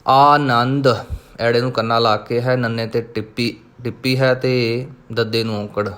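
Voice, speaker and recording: A man teaching how to pronounce sacred verses, chanting each line slowly and then explaining the right sounds. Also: medium pitch, level tone. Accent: Punjabi. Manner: recites verses slowly, then corrects pronunciation. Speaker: teacher of scripture pronunciation. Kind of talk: slow recitation lesson.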